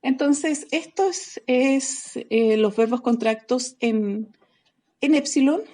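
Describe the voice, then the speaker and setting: A woman gives a recorded grammar lesson. Her voice sits fairly high yet sounds mellow and soft-edged. She explains patiently, often pausing to check in with her viewers. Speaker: Greek teacher.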